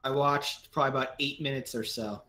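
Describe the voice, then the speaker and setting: A man's voice: mid-range voice, steady tone, a little fast, pushed and bright. A young man co-hosting a podcast, ranting and joking in loose, profane casual chat. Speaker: podcast co-host.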